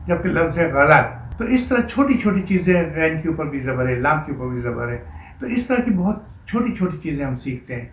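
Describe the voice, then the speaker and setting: A male host speaks in a formal, measured, admiring way. His voice sits a little high. The recording has an echoey room and a faint hiss behind him. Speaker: show host. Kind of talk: scripted tribute segment.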